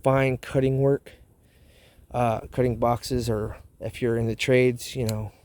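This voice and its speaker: A man's voice: medium pitch, little pitch movement, slow, darkish tone. A man hosting a casual product review vlog outdoors, talking with a wad of chewing tobacco dip in his mouth. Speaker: knife review channel host.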